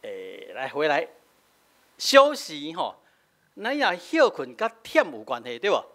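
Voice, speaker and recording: Middle-aged Taiwanese-accented pastor, teaching sermon, slightly high and very animated delivery, habitual "hah" tags. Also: male voice, a little slow. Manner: explanatory, frequent filler "hah" tags, switching between Taiwanese and Mandarin.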